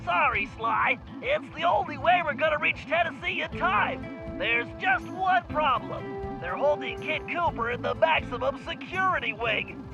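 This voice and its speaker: A nerdy, eager turtle planner briefs his partner with puns in a game cutscene. His voice is very high. Game music plays underneath. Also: expressive, a little slow, vocal fry, highs cut off, full character voice. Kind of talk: video game cutscene acting.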